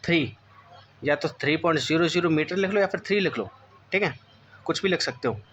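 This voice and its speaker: A man coaching class ten students in physics, his fairly high voice carrying a frequent "okay?" as he checks that they follow. He reads English textbook lines slowly and deliberately, with an Indian English accent. The recording is slightly dull, with a faint hum behind him. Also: a bit bright. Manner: addresses students as beta, repeats "theek hai" often; asks students rhetorical check questions. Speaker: physics tutor. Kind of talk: board-exam coaching lesson.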